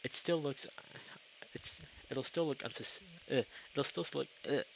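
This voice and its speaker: Here a man with a mid-range voice and vocal fry streams a game at a measured pace, reading story text aloud between casual chatter and occasionally stumbling. His noise-filtering streaming mic yields lo-fi sound with a bit of background noise.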